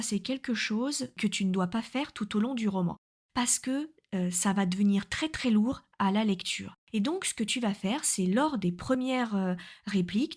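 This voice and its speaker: A woman's voice: medium pitch, darkish tone. A French woman giving a podcast lesson on writing fiction, talking straight to the listener in an explanatory way with frequent hesitations. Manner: explanatory, addresses listener directly with many hesitations. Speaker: writing coach.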